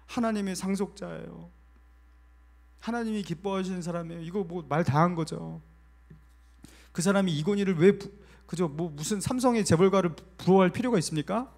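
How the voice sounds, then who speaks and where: A middle-aged man, a senior pastor, giving a Sunday sermon, moving from quiet storytelling to loud emphatic preaching and acting out his own past prayers. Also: high-pitched, brisk, creaky.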